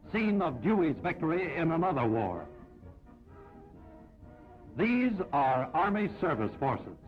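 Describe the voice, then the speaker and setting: A man narrating an old 1940s newsreel in a brisk, upbeat announcer style. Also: fairly high pitch. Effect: old newsreel sound. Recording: dull lo-fi 1940s film audio with music.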